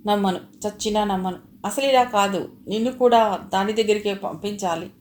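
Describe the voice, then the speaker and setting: Woman voicing a hot-tempered man, accusing, shouting, roomy echo, audio novel. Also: mid-range voice, steady tone, moderate pace, lightly acted. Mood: furious.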